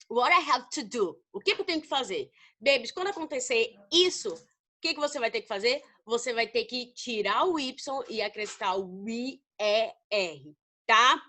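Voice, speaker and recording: Brazilian woman teacher, high-pitched and bright, fond and chatty, asks and answers her own questions. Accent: Brazilian Portuguese. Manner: affectionate, calls students babies. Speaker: English teacher. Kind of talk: recorded grammar lesson.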